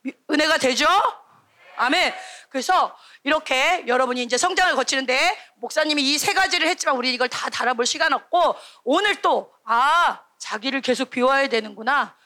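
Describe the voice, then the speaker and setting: A young woman preaching a lively sermon to children at a church camp, telling stories and acting out the children's voices. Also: high-pitched, brisk.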